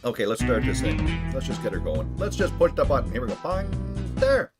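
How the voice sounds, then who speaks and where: A man's voice: medium pitch, huge pitch swings, brisk, music in the background. A man streaming a game from home, chatting casually and playfully with his viewers and inventing silly words. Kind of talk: casual live stream chat.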